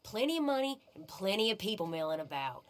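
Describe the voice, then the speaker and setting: A woman's voice: mid-range voice, very animated, quick pace, lightly acted. A woman playing a bold, teasing American outlaw in a Western video game, with a sassy, theatrical manner. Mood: confident, teasing.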